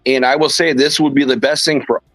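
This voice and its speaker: A man's voice: medium pitch, flat delivery, fairly quick, a bit bright, dry recording, soft background music, poor audio. An older man on a casual podcast panel who rambles and repeats himself for emphasis.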